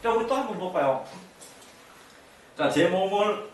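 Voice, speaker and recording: A man's voice: sits high, expressive, a little slow, slight background noise. A man giving an interactive lecture to an audience, constantly asking them either-or questions. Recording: echoey room, mic at a distance.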